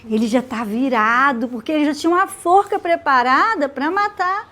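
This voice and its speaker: A woman teaching a women's Bible study, retelling the story in a lively way with acted dialogue. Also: high voice, moderate pace.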